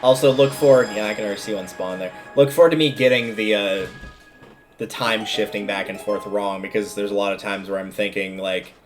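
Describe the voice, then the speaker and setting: On a livestream, a man with a fairly low voice plays a video game and rambles casually, thinking aloud as he goes. His intonation stays fairly even and his pace is fairly quick, with music playing behind him.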